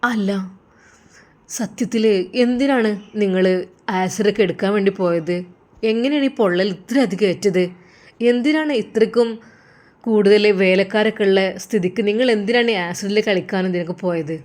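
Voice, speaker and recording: A composed young man, voiced by a woman narrator, speaks. He is forgiving and self-assured, reassuring the listener in an even, steady tone. This is a spoken storybook scene. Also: mid-range voice, moderate pace, close to an everyday voice. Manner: calm, reassuring.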